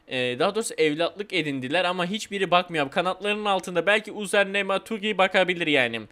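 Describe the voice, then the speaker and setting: A man's voice: sits high, bright, forceful tone. A man hosting a gaming channel, chatting playfully and whining comically through casual game commentary. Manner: playful, whiny, says "abi" and "vallahi" often.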